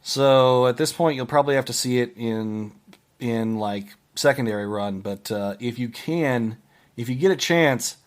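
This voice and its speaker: Male podcast host, unhurried delivery at an average pitch, halting casual reviewer who restarts his sentences. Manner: halting, with frequent restarts and trailing phrases.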